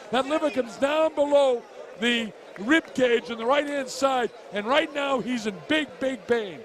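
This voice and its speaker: A man commentates on boxing in a very high, raised voice. He explains replays emphatically and repeats his key points, over a light crowd murmur at ringside. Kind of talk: live fight commentary with replay analysis. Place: ringside at an arena. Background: crowd noise.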